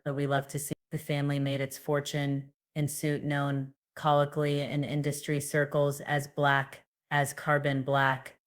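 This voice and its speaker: A woman giving casual, sarcastic gossip commentary and reading news quotes aloud. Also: extremely low pitch. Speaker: commentary vlogger.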